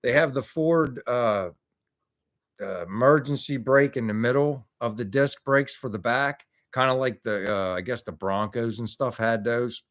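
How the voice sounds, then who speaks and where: A man in his fifties hosts a car hobby livestream, chatting casually as he rambles through viewer questions with plenty of restarts and fillers. His mid-range voice is fairly bright, and he keeps a measured pace.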